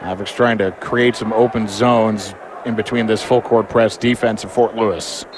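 A man's voice: fairly low pitch, steady tone, moderate pace. A man giving live play-by-play commentary on a basketball game. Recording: clear background noise of the game.

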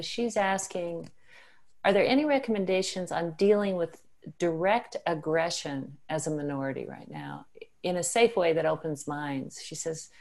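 A woman co-hosts an online discussion, engaged and quick to affirm others. Her voice is low with a strong gravelly fry. She steers the talk in a casual tone. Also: a little mellow. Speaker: co-host. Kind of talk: casual discussion on a video call.

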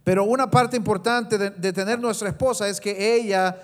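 Male church interpreter with a high voice, quick live sermon interpretation, some stumbles and restarts. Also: fairly even intonation. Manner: quick rendering with hesitations and self-corrections.

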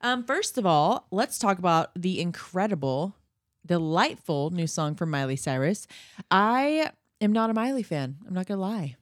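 A woman's voice: fairly low pitch, sing-song, moderate pace, dry recording, clean studio sound. A young adult woman co-hosting a podcast in casual chat, giggly, joking and teasing herself. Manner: giggly, jokey, self-teasing. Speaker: podcast co-host.

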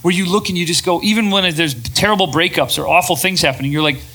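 A man co-hosting a talk show, speaking in a casual, animated way to a room of listeners and slipping into quoted voices. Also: high voice, fast, poor audio. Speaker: podcast co-host. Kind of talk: casual talk to a live audience. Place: room with an audience.

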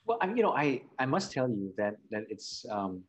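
A man's voice: medium pitch, big pitch swings, normal speed, poor audio. A man from Spain, a coach and podcast guest, talking earnestly and reflectively, often repeating words and adding "right?" and "you know".

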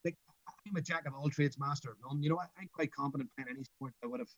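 A middle-aged man with a Northern Irish accent speaks rapidly and emphatically in a conversational interview. He repeats phrases as he tells anecdotes. The sound is dry and slightly dull. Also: a little high, no room sound. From Northern Ireland. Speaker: school football coach.

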